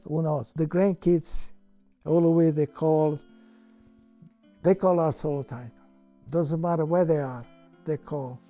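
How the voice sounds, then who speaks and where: An older man from Italy, speaking with an Italian accent, reminisces in an interview using halting, broken English full of fillers and restarts. His voice is deep, dark and mellow, though pitched a little high for a man. Faint, soft music plays underneath.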